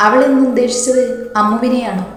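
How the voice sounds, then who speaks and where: A teasing, insistent young woman friend, read by a woman narrator, somewhat high-voiced. The recording rings with heavy echo and a long reverb, with soft music behind. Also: a little fast, natural voice. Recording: echoey hall with soft music.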